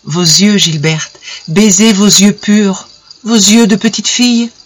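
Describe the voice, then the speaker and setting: A man's voice: high-pitched, steady tone, takes it slowly. A reader voicing an earnest young man in love, speaking in a pleading tone.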